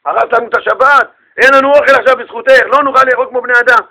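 A man's voice: very high-pitched, fairly even intonation, voice pushed up. A man voicing a hot-tempered husband who scolds his wife indignantly. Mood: angry.

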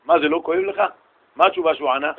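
A middle-aged man from Israel giving a lively storytelling sermon as a rabbi, acting out voices and bantering with his listeners. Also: fairly high pitch, narrow, tinny audio. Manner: animated, acts out voices and shouts in stories, banters with listeners. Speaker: rabbi giving a Torah lesson.

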